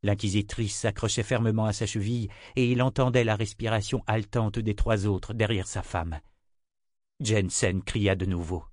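A man with a low voice reads an audiobook chapter in a measured, expressive way. His voice sits close to the mic in a dry, dead room with no echo. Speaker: audiobook narrator. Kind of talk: scripted narration.

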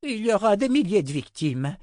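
A man voicing a cranky, fussy old male wizard who shouts and frets in an audiobook. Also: very animated, moderate pace, dry recording, studio quality. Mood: urgent. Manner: shouting, high-pitched, exasperated.

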